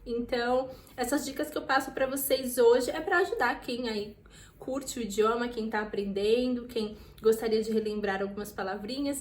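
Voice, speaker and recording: A young woman with a São Paulo accent talks through a casual vlog lesson, slowing down to model words. Her voice sits a little high. The room around her is echoey. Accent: Brazilian Portuguese, São Paulo. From Brazil. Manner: chatty, slows down to model words. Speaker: vlogger teaching French pronunciation.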